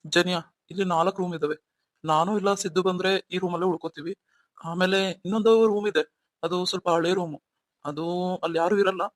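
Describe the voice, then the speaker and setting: A man's voice: high voice, fairly even intonation, brisk, no room sound, natural voice. A man voicing a remorseful young husband in a cartoon story, coaxing and pleading with his wife. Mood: reminiscing.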